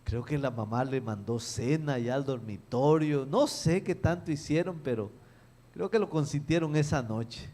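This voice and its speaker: A middle-aged man, a pastor telling a story in a sermon with emphatic pauses and acted quotes. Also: medium pitch, dark tone.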